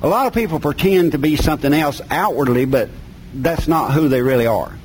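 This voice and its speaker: In a low-quality recording with a little hiss or hum, a middle-aged man from the mountains of North Carolina, USA, delivers a folksy, plain-spoken sermon and scripture reading in an Appalachian accent and colloquial grammar. His pitch is fairly high, his tone darkish, and he moves fairly quickly.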